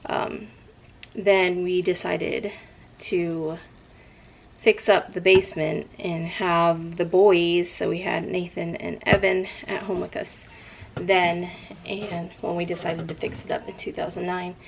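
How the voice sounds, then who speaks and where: A woman's voice: fairly low pitch, flat delivery, slow pace, vocal fry, breathy edge, rough recording. A middle-aged woman vlogger chatting casually in a rambling way, drifting off and picking the thread back up.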